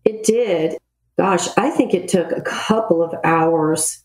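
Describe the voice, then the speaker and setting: In a roomy, echoey recording, a middle-aged podcast guest explains procedures with a retired military officer's matter-of-fact manner; she is a retired Navy air traffic control officer. Her lowish voice is a little mellow, and she takes her time.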